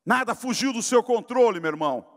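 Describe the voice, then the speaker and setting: A man from Brazil, a pastor preaching a sermon, telling a story and then rising into shouted exhortation. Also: extremely high pitch, expressive, a little fast, big-room sound. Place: church sanctuary.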